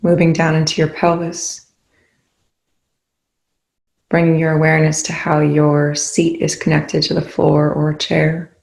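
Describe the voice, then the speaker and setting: Soothing and unhurried, a creaky-voiced meditation guide gives short instructions with long silences between them. The pitch stays low-key and fairly even. An echoey room audibly surrounds the speech.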